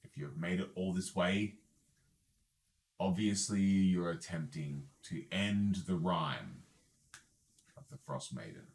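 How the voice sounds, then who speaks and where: A man voicing an elderly male frost giant who speaks slowly and formally and wants to die in battle. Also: low-pitched, lively intonation, vocal fry, full character voice, rough recording. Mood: solemn.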